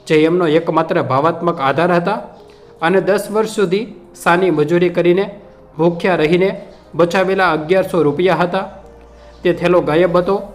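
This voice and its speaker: A man with a fairly high voice narrates a scripted story with dramatic, emotional weight. Soft music runs under his voice throughout.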